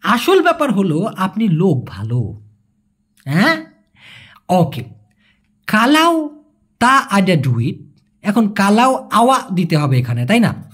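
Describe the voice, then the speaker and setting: Male tutor, husky, lively intonation, jokey and casual. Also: high-pitched, slow, pauses often. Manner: chatty and animated, jokes in colloquial asides. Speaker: language teacher. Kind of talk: casual video lesson.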